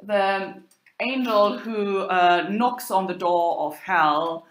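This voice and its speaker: A woman of medium pitch with a German accent lectures on medieval German literature at university, informally and with quoted text. She's slow and halting, pausing frequently, and the sound is roomy and echoing.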